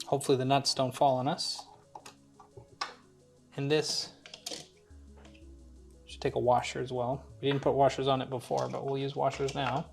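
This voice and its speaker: Talking informally through every step, this man hosts a do-it-yourself build tutorial. He has a gravelly, medium-pitched voice with a level tone, speaks at normal speed with long pauses, and soft music plays underneath.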